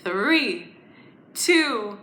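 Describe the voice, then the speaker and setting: A woman draws out her words in a mid-range voice while presenting a children's story time, enunciating clearly and with animation as she invites young children to join in with letters, songs and counting rhymes. The space sounds echoey, with faint background noise.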